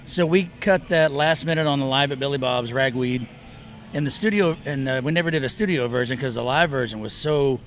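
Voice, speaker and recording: A middle-aged musician hailing from Oklahoma and Texas chats in a casual interview at an outdoor festival, his medium-pitched voice running a little fast over a slight hiss or hum. He's a rambling storyteller who breaks off and starts again frequently.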